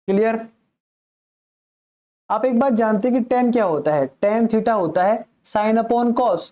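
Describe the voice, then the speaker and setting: A man's voice: sits high, warm tone. A man teaching a maths lesson, patiently asking questions aloud and answering them himself, politely addressing his listeners throughout. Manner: patient, repeats key points. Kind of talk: explanatory classroom lesson.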